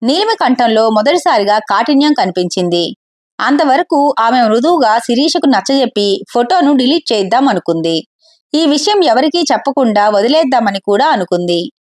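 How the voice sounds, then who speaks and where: A woman's voice: on the high side, expressive, moderate pace. A woman storyteller doing scripted narration of an audio story.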